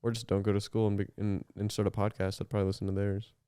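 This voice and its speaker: A man's voice: fairly low pitch, little pitch movement, fast, dark tone, smooth, no echo, studio quality. A man co-hosting a podcast in casual, bantering conversation. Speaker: podcast co-host.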